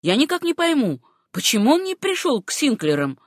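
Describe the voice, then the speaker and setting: A woman voicing a sharp, jealous young woman. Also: high-pitched, huge pitch swings, fairly quick, no echo, studio quality, voice pushed up, full character voice. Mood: curt. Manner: curt, snapping. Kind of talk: audiobook reading.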